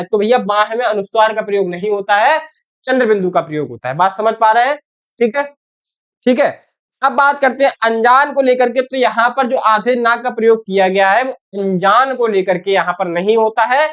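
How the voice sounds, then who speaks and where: A woman's voice: fairly high pitch, clean tone. Woman teacher quizzing pupils, lo-fi audio. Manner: repeats "theek hai" and quizzes pupils with questions; calls pupils "beta". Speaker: Hindi teacher. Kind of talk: online class lesson for 9th graders.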